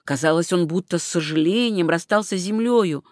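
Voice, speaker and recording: An audiobook narrator reading a historical adventure in a steady, measured way. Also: mid-range voice, no echo, clean studio sound. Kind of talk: scripted narration.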